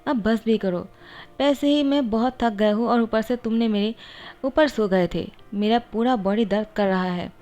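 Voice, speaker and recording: A woman's voice: a little high, normal speed, darkish tone, close to an everyday voice. A woman voicing a weary, curt young male doctor in a storybook-style reading.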